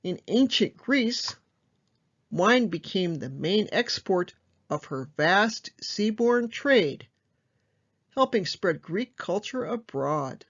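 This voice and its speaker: A woman librarian hosting a book show, reading reviews aloud in a measured way with small asides. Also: mid-range voice, sing-song. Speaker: librarian host. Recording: dull lo-fi sound.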